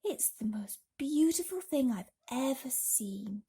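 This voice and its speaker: A woman voicing a gentle, spellbound small boy in a breathy murmur, as in a storybook. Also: high voice, animated, slow pace, pitched above the performer's own voice, exaggerated voice. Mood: awed. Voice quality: breathy, murmured near-whisper.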